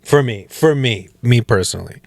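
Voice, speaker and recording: A man's voice: medium pitch, lively intonation, normal speed, creaky, a little mellow. A man hosting a podcast, talking in an easygoing way with rambling asides. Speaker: podcast host. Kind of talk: casual chat.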